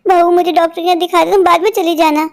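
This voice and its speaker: A woman's voice: very high-pitched, little pitch movement, fast. A woman voicing an elderly, ailing mother in a cartoon, who pleads wearily for help. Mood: weary pleading. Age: older. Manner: weary, complaining, pleading. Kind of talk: animated cartoon voice acting.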